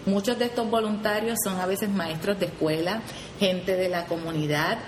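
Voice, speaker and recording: A Puerto Rican woman who leads a 4-H youth program explains it earnestly as an interview guest, often tagging "¿verdad?" onto her sentences and restarting. She has a Puerto Rican Spanish accent, a medium-pitched voice and a moderate pace, and the sound is roomy with background noise.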